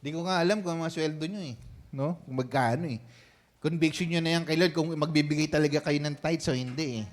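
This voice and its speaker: A man's voice: fairly high pitch, brisk. A man with a Filipino accent, a senior pastor giving a sermon in a conversational style and often checking in with the congregation. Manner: conversational preaching, frequent tag questions.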